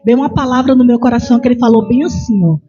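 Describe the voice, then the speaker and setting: A woman's voice: on the high side, very fast, mellow, soft background music. A woman with a Brazilian Portuguese accent preaching a sermon in a church chapel, sharing personal testimony in a conversational way and often adding "né" tags. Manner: conversational, frequent "né" tag questions. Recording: muffled lo-fi sound, faint instrument behind.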